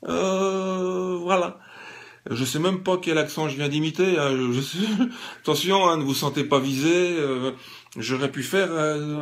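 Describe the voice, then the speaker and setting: An ironic man talks to his viewers in a casual satirical monologue. He hesitates often and fills the gaps with fillers, and his voice sits in a middle pitch. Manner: ironic, halting, many fillers. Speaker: vlogger.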